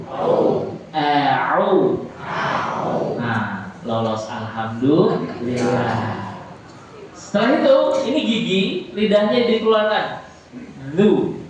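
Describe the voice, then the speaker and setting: A man's voice: mid-range voice, slight background noise. A man from Jakarta teaching a religious lesson at a boarding school, demonstrating letter sounds with jokes. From Jakarta, Indonesia. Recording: very echoey hall, distant mic, faint ambience.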